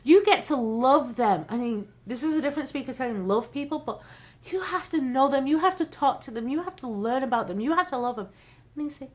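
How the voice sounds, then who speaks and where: Bubbly high-pitched motivational woman vlogger. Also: lively intonation, a little fast. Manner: bubbly and emphatic, swings between loud bursts and near-whispers; laughs often, self-deprecating. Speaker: social media vlogger. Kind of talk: excited motivational vlog recap.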